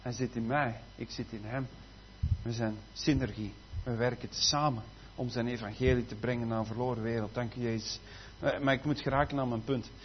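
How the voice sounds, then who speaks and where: A man preaching a sermon, dropping to soft asides and then rising to loud, emphatic declarations. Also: medium pitch, fairly even intonation, fairly quick. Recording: slightly muffled, faint background noise.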